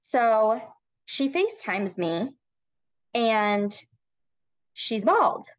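A woman's voice: fairly high pitch, sing-song, drawn-out words. A woman in her thirties, a podcast guest telling a personal story, speaking reflectively with frequent restarts and filler words.

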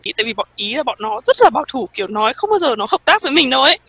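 A young woman hosting a casual chat in a relaxed way, leading the topics and reacting with laughter. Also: sits high, rapid-fire, creaky. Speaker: host.

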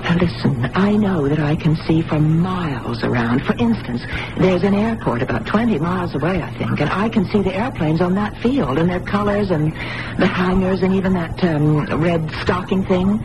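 A woman's voice: lowish voice, normal speed, close to an everyday voice. An actress as an earnest, troubled young girl. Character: earnest troubled blind girl claiming strange sight. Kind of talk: radio drama acting. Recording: noisy old radio broadcast.

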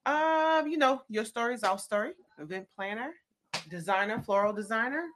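A woman returning as a podcast guest talks in an easygoing way about her work. Her voice is lively and moves up and down. Clear background noise runs under the recording. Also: on the high side, moderate pace. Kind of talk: casual podcast chat. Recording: noisy recording.

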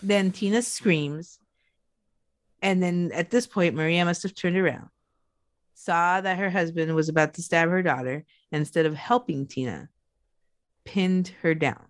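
A woman's voice: on the low side, a little slow, no room sound, studio quality. Woman narrating true crime casually. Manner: loose and chatty, with swearing. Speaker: podcast co-host telling a true crime story.

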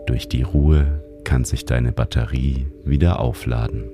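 A man narrates a guided sleep meditation in a soothing, calm manner, like a sleep-story narrator. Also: very deep voice, a little slow, over music. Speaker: meditation guide and show host.

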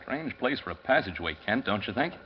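An actor playing a brisk, serious crime-fighting hero in a 1940s radio drama. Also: male voice, lowish voice, big pitch swings, slight background noise. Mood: concerned. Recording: dull vintage radio recording, faint music.

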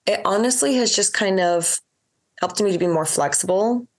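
A woman's voice: mid-range voice, moderate pace. A woman in her thirties, a military wife and mother, talking candidly as a podcast guest in a casual chat, with lots of fillers and restarts. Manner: candid, rambling, full of fillers and self-corrections.

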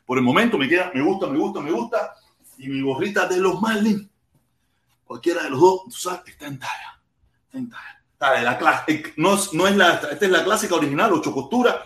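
A man's voice: fairly high pitch, a bit bright, roomy sound. A man with a Cuban accent hosting a casual livestream and reading viewer comments. He rambles, repeats himself and curses crudely. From Cuba. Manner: rambling and repetitive, crude cursing. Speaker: livestream host.

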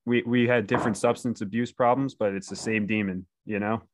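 A podcast host and interviewer with a lowish, steady voice leads a casual chat at a fairly quick pace. He's laid-back and slangy, often dropping "dude" and "you know," in a dry recording.

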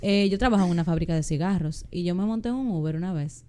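Woman, young adult, podcast host, casual chat, animated storyteller, low-ish mellow voice. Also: fast talker.

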